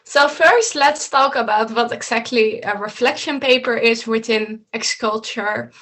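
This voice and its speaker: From a home room lined with bookshelves, a woman coaching students walks through slides in an online meeting. Her pitch is fairly high, her pace unhurried, and her tone fairly bright, and she speaks steadily and instructively despite a few slips and restarts.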